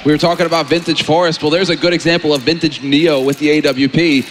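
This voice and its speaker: A man's voice: on the high side, fairly even intonation, fast talker. A man working as an esports caster, giving running match commentary and analysis. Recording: faint game noise behind commentary. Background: faint video game ambience.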